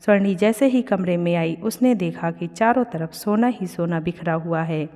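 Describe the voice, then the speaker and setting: A woman narrating a scripted moral story in a plain, steady manner. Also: lowish voice, moderate pace. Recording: long reverb.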